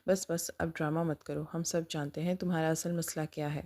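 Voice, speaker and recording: A woman voicing a scornful, domineering sister-in-law with a sharp, taunting manner in a storybook reading. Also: low-pitched, level tone.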